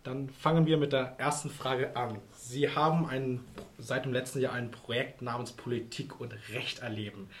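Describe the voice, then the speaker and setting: A man's voice: mid-range voice, fairly even intonation, normal speed. A man in his twenties co-hosting a student podcast, politely introducing the guest and asking questions.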